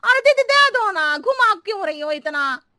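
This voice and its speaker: A woman's voice: very high-pitched, big pitch swings, normal speed, bright, forceful tone, dry recording, clean studio sound, full character voice. A woman voicing a scatterbrained housemaid who talks in rambling circles and riddles in a comedy cartoon. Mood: whiny, pleading. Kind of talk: exaggerated Hindi cartoon comedy acting.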